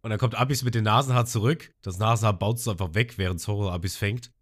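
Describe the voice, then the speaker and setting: A man's voice: fairly low pitch, quick pace. A man hosting a podcast, casually retelling an episode and breaking into characters' lines with a raised voice. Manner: lively storyteller, quotes characters in a raised voice. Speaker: podcast host recapping episodes.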